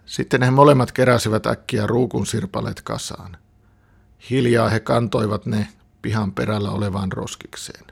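A man calmly reading a children's story aloud. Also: on the low side, creaky, husky.

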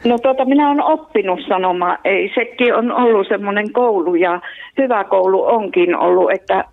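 A woman's voice: medium pitch, no echo. A woman with a Savo Finnish accent, a guest in a radio interview, talking earnestly and laughing often. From Savo, Finland. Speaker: guest, evangelist and prayer line volunteer. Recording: tinny phone line, dry.

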